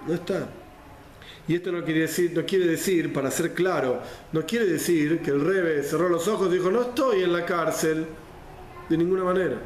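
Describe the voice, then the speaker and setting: A man with a Rioplatense Spanish accent giving a Torah class, explaining step by step, repeating phrases and mixing in Hebrew and Yiddish terms. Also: fairly high pitch. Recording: roomy echo, faint background noise.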